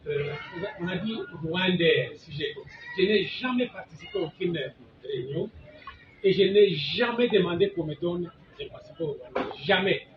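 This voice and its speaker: An indignant man from Congo pleads his own defense, emphatic and repetitive, his voice fairly high for a man. He is heard from across an echoey courtroom on a dull, muffled recording with faint background noise. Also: recorded from a distance. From Congo (DRC). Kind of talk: courtroom self-defense statement.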